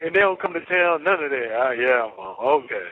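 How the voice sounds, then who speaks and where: A man's voice: mid-range voice, big pitch swings, a little fast, a little hiss or hum. A man calling family from a jail payphone, chatting casually and laughing between lines. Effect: heard over a jail payphone line. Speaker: inmate caller. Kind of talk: casual phone chat with family. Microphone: payphone handset. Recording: tinny phone line.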